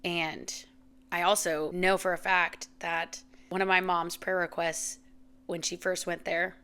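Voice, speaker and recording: A woman in her thirties talks through a reflective faith podcast monologue. Her voice sits on the low side with a gravelly, fry-tinged texture. She speaks earnestly and heartfelt, filling pauses with "like" and "you know", and is close to tears. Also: flat delivery, pushed and bright. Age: 30s. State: emotional, near tears. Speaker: podcast host.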